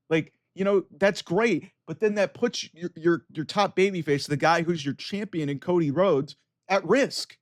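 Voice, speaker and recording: A man's voice: a little high, no echo, studio quality. A man giving casual, opinionated video commentary, arguing his points emphatically and directly to his viewers. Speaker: wrestling commentator with an online channel.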